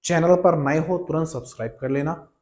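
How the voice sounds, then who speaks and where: A man's voice: on the high side, normal speed, darkish tone. A young man teaching a Hindi grammar class online, repeating each key term and quizzing the viewer as brother and friend. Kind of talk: online exam-prep class.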